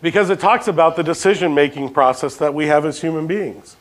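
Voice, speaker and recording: A man's voice: fairly high pitch, brisk. A pastor preaching a sermon, questioning his congregation and dropping jokey asides. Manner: call-and-response questions to the congregation.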